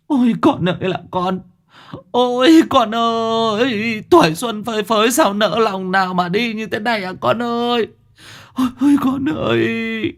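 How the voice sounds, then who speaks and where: A man voicing a parent who wails high over a dead son. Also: a little slow. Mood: wailing. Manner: high, keening wailing.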